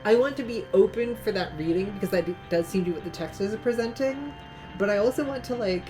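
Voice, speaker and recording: A woman's voice: mid-range voice, fast talker, mellow, faint music behind, poor audio. A woman co-hosting a game playthrough, musing thoughtfully in rambling sentences full of fillers. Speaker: let's play co-host. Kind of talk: casual game commentary.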